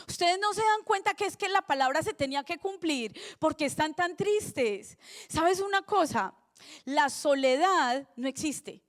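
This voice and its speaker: A middle-aged woman pastor, preaching a sermon in a conversational, animated way with rhetorical questions. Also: high voice.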